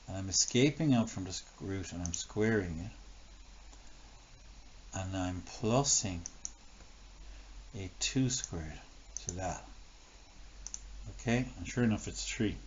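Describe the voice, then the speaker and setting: Man, maths teacher, fairly low voice, thinking aloud, self-correcting, dull lo-fi recording. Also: darkish tone. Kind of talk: recorded classroom lesson, working examples on screen. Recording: dull lo-fi screen recording with faint noise.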